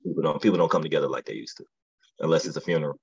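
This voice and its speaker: A man with a very deep, husky voice chats loosely and tells stories in slang, the way a stand-up comedian does as a podcast guest. The sound is dry and a bit dull, with a lo-fi edge. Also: very fast, darkish tone, no echo. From lives in Atlanta area. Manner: laid-back, slangy, storytelling with quoted voices. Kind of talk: casual podcast chat.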